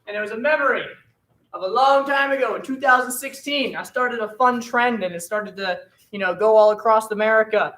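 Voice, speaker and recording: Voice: medium pitch, sharp tone, recorded from a distance, low-quality recording. A martial arts instructor coaching an online class, upbeat and encouraging, calling out drills and counting down.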